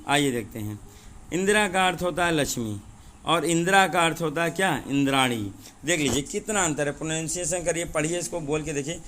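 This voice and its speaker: Man teaching, a bit high-pitched. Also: fairly bright tone, a little hiss or hum. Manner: explains slowly, repeating words and asking rhetorical questions; says 'dekhiye' and 'thik hai' often. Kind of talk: exam-prep lesson.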